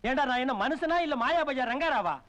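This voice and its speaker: Very high-voiced, caustic middle-aged uncle in a film comedy, quick with insults. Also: male voice, lively intonation, very noisy. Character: sharp-tongued scolding middle-aged uncle.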